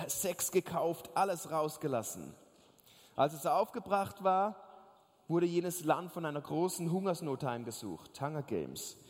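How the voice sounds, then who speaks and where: A male preacher with a high voice delivers a lively sermon, turning to his listeners with asides and jokes. His voice rings out with a long echo, as in a large hall or church. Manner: animated storytelling, addresses listeners directly with jokes.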